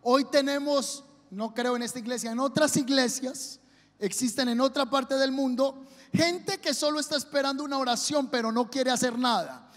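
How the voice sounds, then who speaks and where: A man's voice: extremely high pitch, moderate pace, a bit bright. A man preaching a sermon as pastor, telling a story and acting out its voices, with the congregation asked to repeat his words. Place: church hall. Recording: reverberant church hall.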